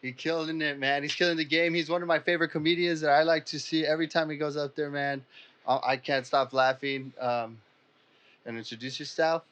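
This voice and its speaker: Male podcast host, loose and joking, quick to laugh, voice sits a bit high. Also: fairly even intonation, fairly bright tone, lo-fi sound. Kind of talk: casual chat.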